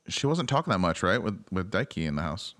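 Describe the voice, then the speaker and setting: A man's voice: low voice, very animated, a little fast, fairly bright tone. A man in casual chat, reacting to a TV show with laid-back, sarcastic remarks and frequent laughs.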